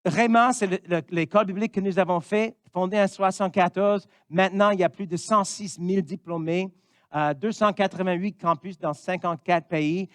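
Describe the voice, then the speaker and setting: A man's voice: high-pitched, steady tone, moderate pace, clear, resonant tone, dry recording, clean studio sound. A man in his fifties from Missouri, a pastor, preaching a sermon in an earnest way and often saying amen. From Missouri, United States.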